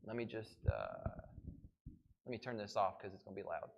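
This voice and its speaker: A man's voice: on the low side, wildly swooping pitch, moderate pace, creaky, slight background noise. A man giving a playful live educational talk as a falconer, quizzing a family audience with questions in an indoor library room.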